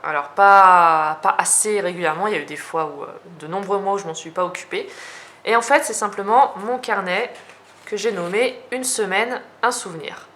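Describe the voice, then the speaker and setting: Young French woman, casual vlog chat, hesitant and filler-heavy, mid-pitched voice, faint noise behind. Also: normal speed, a bit bright. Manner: chatty, hesitant, many fillers and restarts. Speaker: journaling vlogger. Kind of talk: casual show-and-tell.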